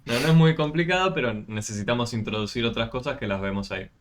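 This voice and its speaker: A man's voice: mid-range voice, quick pace. A man tutoring math over a video call, explaining step by step with many fillers. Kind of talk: online tutoring session.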